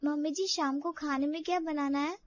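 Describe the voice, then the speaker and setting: A woman's voice: sits high, fairly even intonation, moderate pace, no echo, muffled recording, natural voice. A woman voicing a timid young bride in a cartoon story, speaking hesitantly and respectfully. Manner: hesitant, respectful, addresses her elder as "mummy ji". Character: young new bride, timid and eager to please. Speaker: cartoon character.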